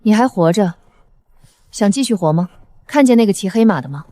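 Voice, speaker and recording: A woman voicing a condemned seventeen-year-old girl with a modern soldier's mind, who speaks in clipped, commanding phrases in an animated drama. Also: mid-range voice, brisk, dry recording, close to an everyday voice.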